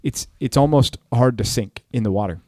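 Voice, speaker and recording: A man's voice: medium pitch, moderate pace, a little mellow, no echo, studio quality. A man co-hosting a casual, conversational Bible discussion in a playful, bantering manner. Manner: playful, bantering, breaks into snatches of song. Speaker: podcast co-host teaching the Bible.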